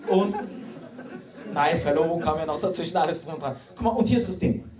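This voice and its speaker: A man in his late twenties performs stand-up on a hall stage, speaking brisk and fairly high, chatty and full of fillers and restarts as he talks straight to the crowd. The hall echoes, the mic sits far off, and the audience laughs.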